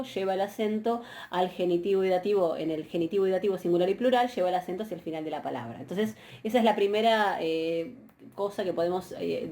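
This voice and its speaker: A woman giving a patient, explanatory university lecture, often pausing on fillers and checking questions. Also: lowish voice, dark tone. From Argentina. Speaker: university Greek teacher. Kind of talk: recorded online lecture.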